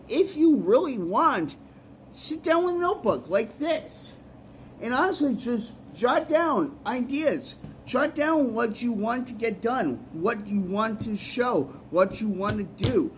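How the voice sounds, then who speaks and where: High-voiced, slow-talking rambling man. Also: slight background noise. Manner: rambling, earnest, repeats himself. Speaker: musician and poet. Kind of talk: casual advice vlog.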